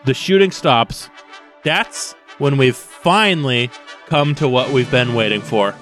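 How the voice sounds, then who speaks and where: A man's voice: medium pitch, measured pace, a bit bright, faint music behind. A man co-hosting a casual book discussion, joking and swearing freely while drinking beer. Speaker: podcast co-host.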